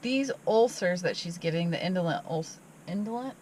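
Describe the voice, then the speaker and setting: A woman chatting casually on her van life vlog, upbeat and quick to laugh, recorded outdoors at a campsite. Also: fairly low pitch, lively intonation, darkish tone, slight background noise, poor audio.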